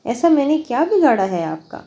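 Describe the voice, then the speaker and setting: A woman's voice: on the high side, sing-song, warm tone, lo-fi sound, a little hiss or hum. A woman voicing a frightened young woman who begs to be let go. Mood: frightened, pleading. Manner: pleading.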